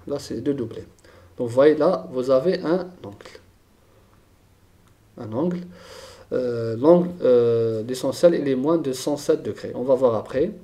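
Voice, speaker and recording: A man's voice: mid-range voice, warm tone. A man teaching a chemistry lesson, thinking aloud and repeating key terms, often checking with "d'accord?".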